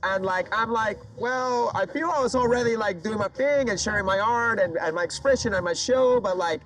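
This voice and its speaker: A man's voice: sits high, normal speed, a bit bright, poor audio. A man hosting a podcast, chatting casually and enthusiastically with his guest, with lots of short affirmations. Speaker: podcast host. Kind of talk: casual interview chat.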